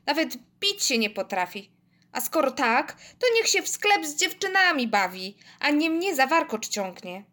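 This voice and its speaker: A woman's voice: extremely high pitch, voice pushed up. A woman voicing a cheeky, defiant little girl who answers back. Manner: pert, quick retorts.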